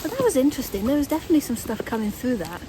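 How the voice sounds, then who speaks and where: Woman, higher-pitched, casual paranormal vlog host addressing spirits, recorded outdoors with very heavy wind noise. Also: big pitch swings, rapid-fire. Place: outdoors in a windy graveyard. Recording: very noisy windy outdoor recording.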